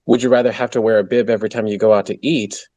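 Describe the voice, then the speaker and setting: A man with a fairly low voice reads audience questions into his phone, and the sound comes through garbled, like a mistuned ham radio or walkie-talkie. He talks haltingly, stumbling and restarting, and there is no room echo at all. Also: fairly even intonation, darkish tone, lo-fi sound. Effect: garbled mic like a mistuned ham radio or walkie-talkie. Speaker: host reading audience questions. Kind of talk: casual online audio chat.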